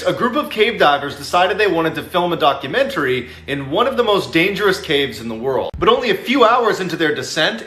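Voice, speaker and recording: 抑揚豊かな男性のナレーション、明るく張りのある声、部屋の響き. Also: male voice, fairly high pitch, sharp tone. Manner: suspenseful storyteller. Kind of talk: dramatic scripted narration. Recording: roomy echo.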